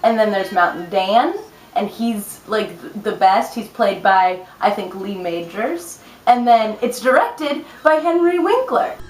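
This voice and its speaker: A woman's voice: medium pitch, lively intonation, unhurried. A woman chatting casually to camera, enthusiastically retelling a film. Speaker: web comedy group member. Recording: echoey room.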